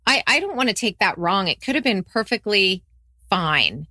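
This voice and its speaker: A woman's voice: medium pitch, big pitch swings, moderate pace, no echo. Dry-sounding enthusiastic woman co-host. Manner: warm, enthusiastic, hesitant starts. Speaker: podcast co-host. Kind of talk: casual discussion of a student's story.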